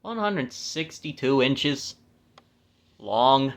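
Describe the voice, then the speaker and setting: A man's voice: mid-range voice, expressive, very slow. A man reading scripture aloud and breaking off for chatty, self-mocking asides, correcting his own stumbles. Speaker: Bible reader.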